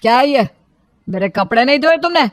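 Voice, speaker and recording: A woman voicing an indignant, lonely widowed man in an animated storybook, complaining about being neglected. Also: high voice, brisk. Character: aggrieved lonely widowed elder brother-in-law, man.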